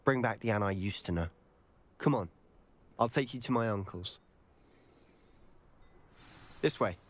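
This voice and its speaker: A man's voice: fairly low pitch, a little slow. An actor playing an earnest, determined young male wizard student in a video game. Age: young adult.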